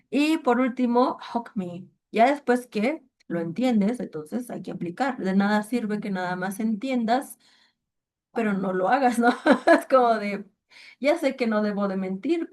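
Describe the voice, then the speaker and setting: A woman's voice: medium pitch, darkish tone. A woman teaching a casual online lesson on the Quran and Arabic, thinking aloud and often checking in with her listeners.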